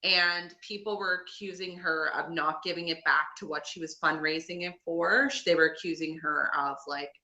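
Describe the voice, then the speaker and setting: A woman's voice: lowish voice, steady tone, moderate pace, few pauses, pushed and bright, dull audio. A woman with a Nova Scotian Canadian accent co-hosting a podcast, chatting casually in a rambling, gossipy recap. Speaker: podcast co-host.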